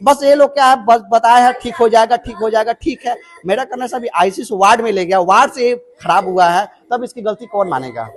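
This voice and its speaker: Man, from Chhattisgarh, high voice, earnest, halting, complaining. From Chhattisgarh, India. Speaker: patient's son. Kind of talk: interview testimony.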